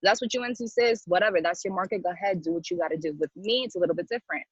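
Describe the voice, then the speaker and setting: Racing through her points with a breathy edge to her fairly low voice, a woman coaches her sales team on a training call. She is motivational, casual, blunt and full of slang, hammering home her key phrases. The dry recording has a dull, lo-fi sound.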